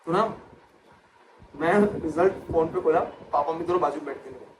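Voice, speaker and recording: A young chartered accountant and exam coach tells a personal story in an emotional vlog, repeating phrases for emphasis and mixing in English words. His voice is fairly high at a normal speed, over a noisy background.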